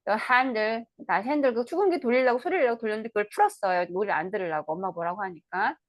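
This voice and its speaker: In a dry recording, a woman tutor with a mid-range voice gives an online lecture on an English play. She reads lines slowly, explains them in Korean, and poses questions to the viewers.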